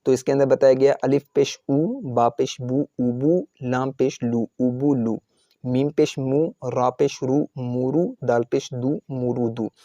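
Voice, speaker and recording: A man teaching Quran reading, patiently sounding out letters syllable by syllable in a slow step-by-step drill. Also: medium pitch, flat delivery, dark tone, no room sound, highs cut off.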